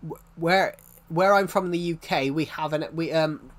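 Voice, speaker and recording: This young man's voice is fairly high and moves at a normal speed. He's a game streamer from the UK, outside London, talking casually on stream in a thick regional British accent. His talk wanders, loops back on itself and often starts over.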